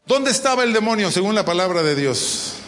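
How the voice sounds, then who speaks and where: High-voiced man preaching in a reverberant hall. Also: very animated, a little fast, fairly bright tone, slight background noise. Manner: emphatic preaching, quizzes the congregation. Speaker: pastor. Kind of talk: sermon. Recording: long reverb of a large hall.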